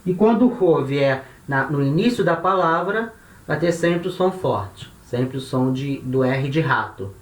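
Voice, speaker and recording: A man with a Brazilian Portuguese accent teaching a language lesson, slowly repeating each letter and its sound and checking in with tá and né. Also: on the high side, animated. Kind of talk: classroom-style lesson. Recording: echoey room.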